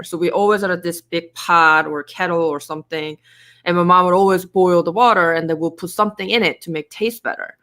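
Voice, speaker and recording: A woman's voice: lowish voice, fairly bright tone. A woman from Korea with a Korean accent, speaking English as a second language, talking casually as an interview guest with frequent fillers and restarts.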